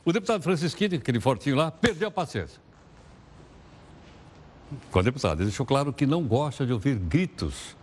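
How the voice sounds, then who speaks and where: A man's voice: mid-range voice, big pitch swings, a little fast, long pauses, a little hiss or hum. A man presenting the news in a casual, chatty way, asking viewers rhetorical questions.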